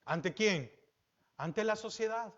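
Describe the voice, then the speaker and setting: A Salvadoran man preaches with a high voice, firing questions at the congregation. He swings from emphatic, rising lines to quiet, low asides. The recording sounds dull and lo-fi. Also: expressive, takes it slowly. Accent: Salvadoran Spanish. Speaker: pastor. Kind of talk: sermon.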